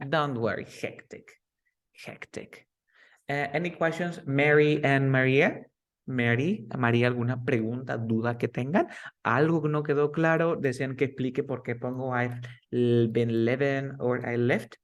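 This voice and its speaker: A man's voice: medium pitch, fairly even intonation. Male English teacher, patient and repetitive, on a video call. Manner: explains slowly, repeats words, switches to Spanish. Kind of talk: online English class.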